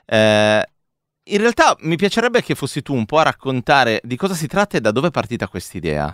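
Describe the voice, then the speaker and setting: A man interviewing a rapper, greeting him and asking questions quickly and eagerly. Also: mid-range voice, sing-song, a bit bright, no room sound, clean studio sound. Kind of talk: friendly interview chat.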